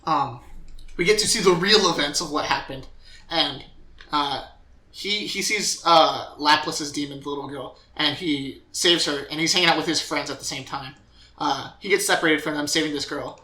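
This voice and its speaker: A man's voice: on the high side, moderate pace, sharp tone, roomy sound. A young man co-hosting a podcast, casually recapping an anime plot with lots of fillers. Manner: rambling recap with filler words and acted quotes. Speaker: podcast co-host.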